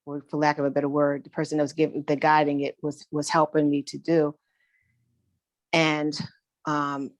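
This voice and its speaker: A woman with a low, steady voice that barely rises or falls talks slowly about her experience to a meditation group. She rambles a little and reflects as she goes. The sound is dry and close, from a video call mic. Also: no room sound. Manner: slow, reflective, loosely rambling.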